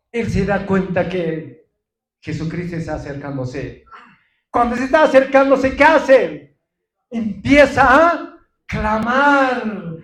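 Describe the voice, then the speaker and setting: A male pastor with a high-pitched voice preaches emphatically in a reverberant church, often calling his listeners brothers and posing questions he then answers himself.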